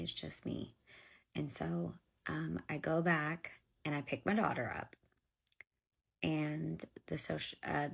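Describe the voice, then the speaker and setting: A woman's voice: low voice, gravelly, breathy edge. A young woman casually telling her own story to camera, acting out what others said and dropping to whispers at tense moments. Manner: animated retelling, acting out dialogue, drops to whispers.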